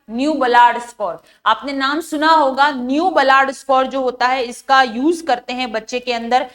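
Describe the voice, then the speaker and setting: A woman with a high voice and a Rajasthani Hindi accent teaches nursing exam questions. She explains each point step by step, stops often with fillers, and keeps asking the class to answer. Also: a bit bright. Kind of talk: exam-prep lecture.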